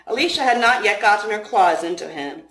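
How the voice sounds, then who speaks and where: A woman's voice: mid-range voice, brisk, reverberant, poor audio. A woman narrating her own novel aloud in the first person as an audiobook reading. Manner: expressive first-person storytelling.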